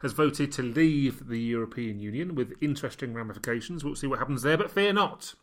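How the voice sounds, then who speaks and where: A man's voice: mid-range voice, lively intonation, a little fast, a bit bright. A man from the UK co-hosting a casual history podcast, joking and playing up grand ideas. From United Kingdom. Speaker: podcast co-host.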